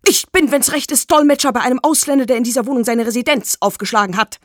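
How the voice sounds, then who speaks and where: A woman's voice: a little high, animated, moderate pace, no room sound, studio quality, pitched above the performer's own voice. A woman voicing a lanky, fawning male trickster with a ringing, brash tenor and an effusive, slippery manner.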